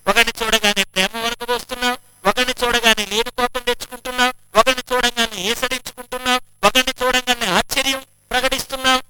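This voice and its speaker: A man's voice: extremely high pitch, pushed and bright, clear, resonant tone, no room sound, low-quality recording. A man giving a devotional discourse, explaining scripture through stories and rhetorical questions. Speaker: spiritual speaker.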